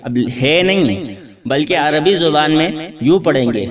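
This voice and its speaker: A man's voice: a little high, lively intonation, recorded from a distance. Patient man teaching Quran recitation. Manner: patient, explains pronunciation word by word. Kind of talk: Quran lesson with slow chanted recitation.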